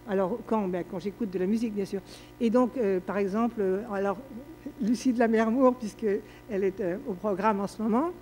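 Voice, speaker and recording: Older woman lecturing, mellow and rambling. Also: medium pitch, a little fast, slight background noise, low-quality recording. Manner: digressive, lively, many fillers and restarts. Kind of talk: academic lecture Q&A answer.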